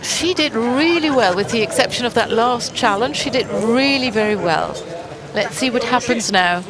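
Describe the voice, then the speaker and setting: Over crowd noise, a woman delivers encouraging, exclamatory live sports commentary, repeating phrases frequently and passing along what a translator says. Her voice is on the high side and animated, at a moderate pace.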